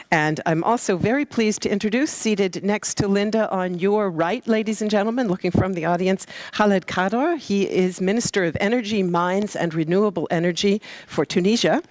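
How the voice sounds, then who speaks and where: Woman moderator, conference panel, lowish voice, dry sound, polished, measured. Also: no room sound. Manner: polished, measured, with some "uh" hesitations. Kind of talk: formal panel introductions.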